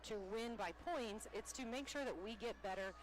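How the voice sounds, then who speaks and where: A woman's voice: a little high, fairly quick. A woman coach giving a candid, upbeat postgame interview, a little out of breath, with lots of fillers. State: slightly out of breath. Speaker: head basketball coach. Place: high school gym after a game. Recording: noisy gym ambience.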